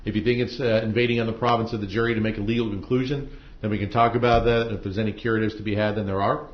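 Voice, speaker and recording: Presiding over a trial in an indoor courtroom, a male judge walks jurors and attorneys through procedure step by step, speaking briskly in a colloquial, plain-spoken manner. His voice is fairly low and his delivery flat. The audio is roomy and somewhat dull, like a courtroom recording.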